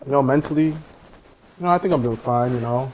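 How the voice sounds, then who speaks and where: A man's voice: mid-range voice, fast, a little mellow, rough recording. A young man as a podcast guest, rambling along and filling his talk with "you know". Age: young adult. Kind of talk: casual chat.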